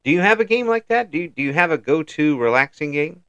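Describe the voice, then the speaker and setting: A man's voice: fairly high pitch, lively intonation, quick pace, bright, forceful tone, smooth, dry recording. A man hosting a casual interview, chuckling often and repeating words as he frames his questions. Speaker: interview host.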